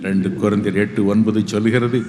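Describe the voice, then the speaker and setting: A man's voice: on the low side, steady tone, quick pace, warm tone, long reverb tail. A man preaching a sermon, emphatic and repetitive, with reassuring appeals to his listeners.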